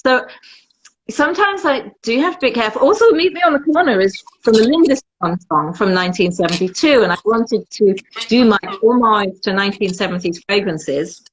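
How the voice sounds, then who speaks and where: A woman's voice: fairly high pitch, expressive, fairly quick, breathy edge, low-quality recording. A woman, a perfumer chatting as an interview guest in a self-mocking, jokey way. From Britain. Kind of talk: casual interview chat.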